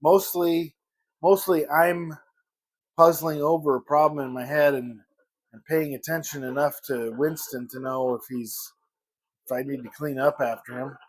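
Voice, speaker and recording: A man's voice: on the high side, fairly even intonation. Rambling man in casual morning chat. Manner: rambling, pauses to search for words. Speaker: vlogger.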